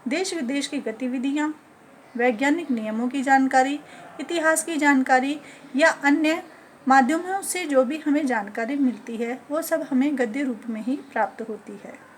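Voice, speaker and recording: A woman teacher educator giving a lecture on teaching methods, listing points one by one in a measured way. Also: high voice, a little hiss or hum.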